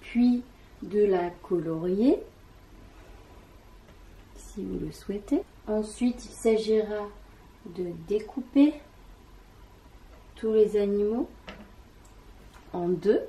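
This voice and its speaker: A woman teacher giving an early reading lesson to young children, sounding out syllables one by one in a slow and deliberate way. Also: medium pitch, mellow. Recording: echoey room.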